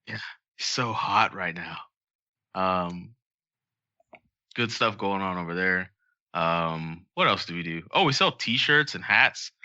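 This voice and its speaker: A man's voice: sits low, expressive, slow, pushed and bright, clean tone, no room sound, muffled recording. A man hosting a casual podcast, chatting loosely with many ums and restarts. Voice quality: frequent ums, loose rambling delivery. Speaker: podcast host.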